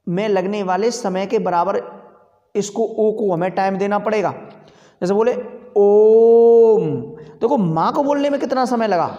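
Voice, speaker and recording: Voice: mid-range voice, a little mellow, long reverb tail, lo-fi sound. A teacher giving a Sanskrit grammar lesson, explaining step by step, asking the class questions and answering them, and stretching out sounds to demonstrate.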